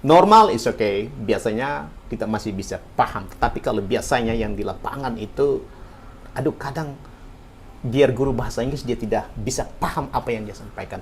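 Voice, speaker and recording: A man's voice: mid-range voice, normal speed, slight background noise. A man from Tobelo on Halmahera, a podcast guest, telling stories in casual chat, switching into English and laughing often. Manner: animated storyteller mixing in English, laughs often.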